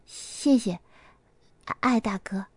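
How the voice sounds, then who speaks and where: Woman doing a nervous young guy, stammery and sheepish, kinda quiet. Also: mid-range voice, slow, slightly rough, dry recording, clean studio sound. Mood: awkward. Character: awkward, fawning young man making small talk.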